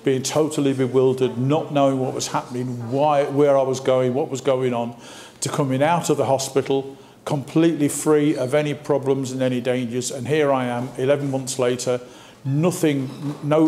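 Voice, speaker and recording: A man's voice: mid-range voice, steady tone, moderate pace, dark tone. An older man giving an emphatic personal account to camera. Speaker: interviewee, town crier. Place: indoors in a hospital corridor. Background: music.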